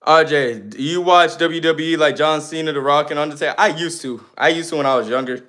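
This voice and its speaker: A man's voice: on the high side, a little fast, fairly bright tone. A man in his twenties livestreaming, reading viewer comments aloud and answering them in loose, slangy, sometimes ranting casual chat. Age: 20s.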